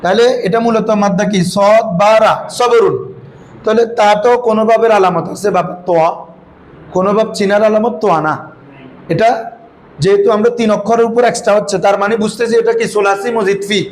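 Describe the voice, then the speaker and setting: A man teaching a classroom lesson, asking his students question after question, calling them by a fond name, and slowly reciting verses. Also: high voice, steady tone, low-quality recording. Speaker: Arabic grammar teacher.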